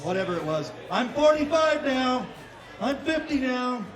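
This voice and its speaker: A man's voice: very high voice, sing-song, unhurried. A man in his fifties emceeing a memorial show, chatty and joking, laughing through his stories on a stage mic in a small rock club. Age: 50s. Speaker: event emcee. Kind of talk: casual stage banter and storytelling. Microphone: stand mic on stage, taped from the audience. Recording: echoey club taped from far off, crowd. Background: crowd chatter.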